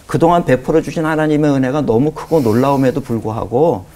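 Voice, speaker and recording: A man's voice: medium pitch, quick pace, mellow. A man in his fifties, a pastor telling his testimony on a talk show, earnest and storytelling, acting out the prayers he once said. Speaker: pastor, guest.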